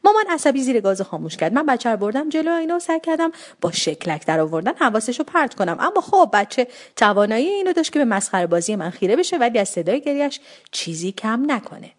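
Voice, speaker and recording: Animated woman reading a comic story. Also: fairly high pitch. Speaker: narrator. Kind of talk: first-person story reading.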